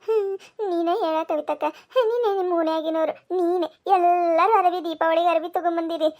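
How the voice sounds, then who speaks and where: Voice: very high voice, steady tone, quick pace, highs cut off. A performer voicing a sulky, defiant young village daughter-in-law in a cartoon, with a North Karnataka Kannada accent. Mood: whiny. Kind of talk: cartoon comedy voice acting.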